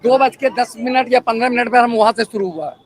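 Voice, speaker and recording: A man's voice: very high voice, a faint crowd. A man waiting in a long queue outdoors, complaining angrily about repeated paperwork. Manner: angry complaining, rapid grievances. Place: outdoors on a street.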